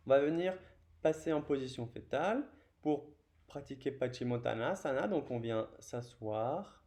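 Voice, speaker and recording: Slow, calm French yoga teacher. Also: male voice, fairly high pitch. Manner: slow, calm cueing of breath and movement. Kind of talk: guided yoga class instruction.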